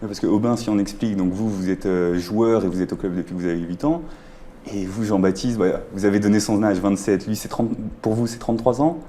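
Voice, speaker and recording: A man's voice: on the low side, steady tone, a little fast, mellow, slight background noise. A male radio host leading an interview in a studio, prompting his guests and often finishing their sentences.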